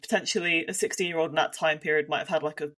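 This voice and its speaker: A woman from Devon, England, with a Devon accent co-hosts a casual podcast, thinking aloud in a thoughtful, hedging way with many restarts. Her voice is low and fairly bright, with fairly even intonation, and she talks rapid-fire.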